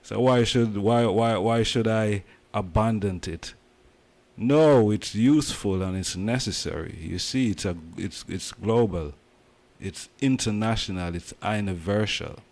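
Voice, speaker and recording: Jamaican male host, deep register, emphatic patois talk. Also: measured pace, a little mellow. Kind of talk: casual commentary.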